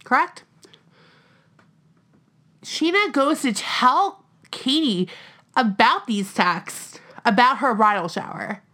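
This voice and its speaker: A young American woman co-hosting a podcast in casual chat, talking bluntly with vocal fry, plenty of swearing and frequent "like". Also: a little high, expressive, slow pace, long pauses, pushed and bright. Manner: blunt, profane, peppered with "like". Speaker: podcast co-host.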